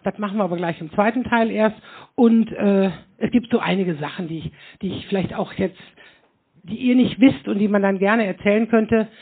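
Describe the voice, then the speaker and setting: A man tells stories to a hall audience in a loose, rambling way and keeps throwing in "ne?". His voice sits high. The live recording is muffled and thin, like a phone line. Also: normal speed. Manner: rambling, constant tag questions "ne?". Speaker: host of a live podcast show. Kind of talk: chatty live stage talk to an audience.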